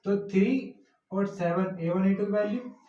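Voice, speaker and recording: A man's voice: high-pitched, measured pace, dark tone. A male teacher explaining a math lesson step by step, asking and answering his own questions as he works through it. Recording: roomy, distant, muffled classroom recording.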